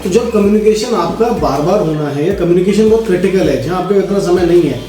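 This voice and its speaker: Speaking straight to the viewer, a man with a soft, mellow, high-pitched voice demonstrates a product step by step, fast and expressive. His tone is casual and instructional, punctuated by frequent check-in tags, and the recording has a noticeably roomy echo with faint music underneath.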